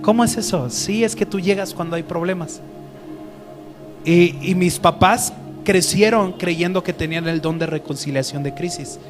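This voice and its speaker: Man leading a casual Bible study, slightly high-pitched, music playing under him. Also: normal speed. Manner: conversational, asks the group questions. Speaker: teacher. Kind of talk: Bible teaching.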